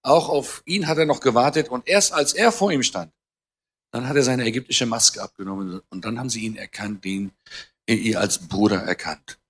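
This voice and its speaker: A man's voice: medium pitch, moderate pace, a bit bright, breathy edge. Earnest man in his fifties lecturing. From Germany. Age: 50s. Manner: earnest, preaching with scripture references and light humour; talks with frequent hesitations and self-corrections. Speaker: guest speaker on Israel. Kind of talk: conversational lecture to a church audience.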